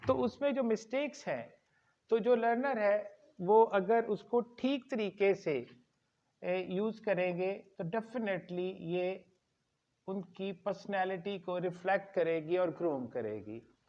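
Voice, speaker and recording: A man's voice: sits high, a little mellow, highs cut off. A man teaching English pronunciation in a classroom lecture, repeating each word and putting questions to his learners. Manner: explains slowly, repeats words, asks the class questions.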